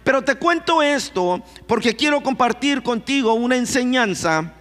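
A man's voice: extremely high pitch, expressive, moderate pace, fairly bright tone. A man preaching to a congregation, telling a story and asking them questions. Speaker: pastor. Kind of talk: sermon. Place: church hall. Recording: long hall reverb.

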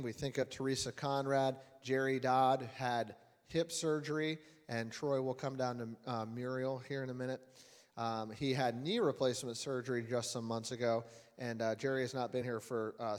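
A man with a medium-pitched, darkish voice leads a church service through prayer and announcements as a lay worship leader. He's earnest and plain-spoken, with frequent uhs. The sanctuary gives a long, hall-like reverb, and faint music plays.

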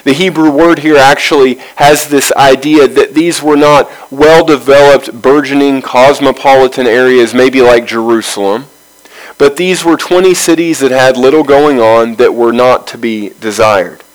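A man's voice: mid-range voice, normal speed, rough recording. Man teaching a Bible study. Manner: reads scripture aloud, then explains it verse by verse.

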